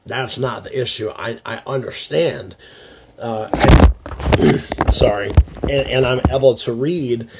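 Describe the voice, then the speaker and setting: Slow, halting American man with effortful speech. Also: mid-range voice, noisy background. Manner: halting, struggles to get words out. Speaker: YouTube vlogger. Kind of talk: confiding casual talk to viewers.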